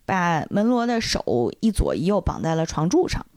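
A woman podcast host in casual chat, retelling a film plot with animated storytelling and briefly acting out the characters' lines. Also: lowish voice, moderate pace, no room sound.

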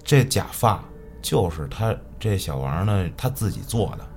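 A man's voice: deep voice, animated, unhurried, darkish tone, faint music behind. A man co-hosting a podcast, reacting to a story with curses and jokes. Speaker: podcast co-host. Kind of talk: casual chat.

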